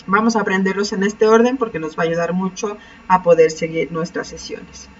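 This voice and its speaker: A woman teacher giving a recorded lesson, methodical and patient, slowing down to carefully pronounce each term before explaining it. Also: medium pitch, flat delivery, a little hiss or hum. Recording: dull, distant mic.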